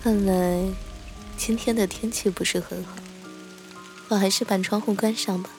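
The speaker is a woman in a role-play audio drama, lightly acting the part of a soft-spoken hotel attendant who teases a horror writer with a ghost story. Her pitch is medium and her tone steady, the mood eerie. She turns gentle and quiet, slowing down for creepy moments, over soft background music.

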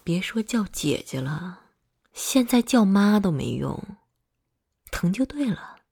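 A woman playing a breathy, hot-tempered older girlfriend, in whispered role-play. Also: medium pitch, sing-song, slow, mellow, heavily acted. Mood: scolding. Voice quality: very breathy, husky. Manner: swears freely, swings from scolding to coaxing.

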